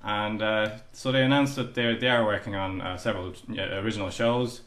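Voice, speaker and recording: A man hosting a casual gaming podcast, reading news with many pauses and restarts. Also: on the low side, steady tone, a bit bright. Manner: hesitant, many ums and restarts. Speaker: podcast host. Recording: roomy echo with faint noise.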